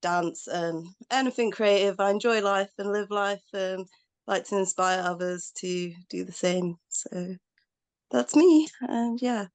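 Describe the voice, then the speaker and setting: A woman introducing herself on a video call in an enthusiastic, warm way, with light laughs. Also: medium pitch, a little slow. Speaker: participant.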